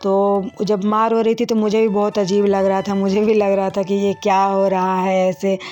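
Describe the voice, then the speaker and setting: Her warm, mid-range voice flat in delivery and moderate in pace, a young woman narrates her wedding video casually. She chats to viewers like friends, with many fillers.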